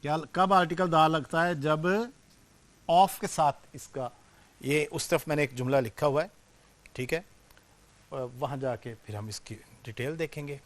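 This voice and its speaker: A man teaching English grammar to students, explaining step by step and checking in often with questions. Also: a little high. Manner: volume rises and falls sharply, slows to stress example sentences. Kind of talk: classroom grammar lecture.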